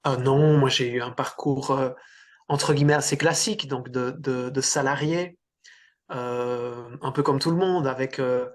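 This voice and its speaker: A man's voice: mid-range voice, fairly even intonation, measured pace. A middle-aged man from Belgium, a coach talking about his career in a casual interview, hesitant with frequent restarts. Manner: hesitant, many restarts and fillers. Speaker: coach and speaker, interview guest.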